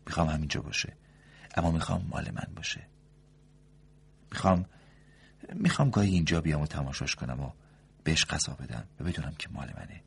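A man doing a cold, calm, unblinking woman. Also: rumbling low, vocal fry, pauses often, slightly rough, heavily acted. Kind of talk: audiobook story reading.

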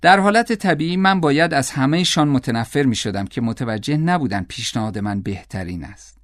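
Calm male audiobook narrator, dry sound. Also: medium pitch, no echo. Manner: measured, calm storytelling.

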